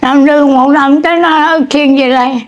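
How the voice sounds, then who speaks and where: An older woman answering an interviewer in short, halting replies. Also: sits high, steady tone. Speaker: elderly interviewee. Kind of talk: casual conversation. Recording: dull lo-fi sound.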